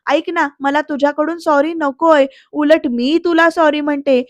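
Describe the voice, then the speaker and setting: A woman's voice: high voice, fairly even intonation, a little slow, dry recording. A woman voicing an upset young woman pleading to be left alone, in a serial recap.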